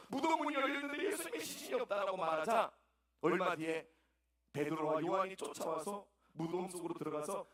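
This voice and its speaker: A man's voice: sits high, a bit bright. A man preaching a sermon as pastor, emphatic and repeating words as he speaks to the congregation in a church. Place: church sanctuary. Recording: echoey church hall, distant mic.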